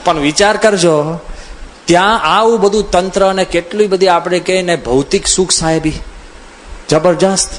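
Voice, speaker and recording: Animated storytelling monk, man. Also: high voice, normal speed, slight background noise. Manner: animated, acts out quoted voices, chuckles while telling anecdotes. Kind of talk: humorous storytelling discourse.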